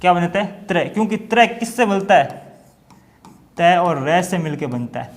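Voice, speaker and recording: A man's voice: high-pitched, expressive, normal speed. A man with a Hindi accent teaching a grammar lesson, explaining step by step and asking questions that he answers himself. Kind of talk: classroom-style grammar lesson.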